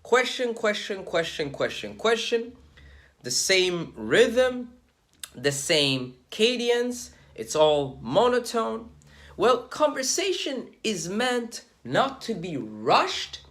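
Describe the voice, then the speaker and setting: A young man who is a dating coach, talking casually to camera in an energetic, slangy, emphatic way. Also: high voice, slow. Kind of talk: casual vlog talk to camera.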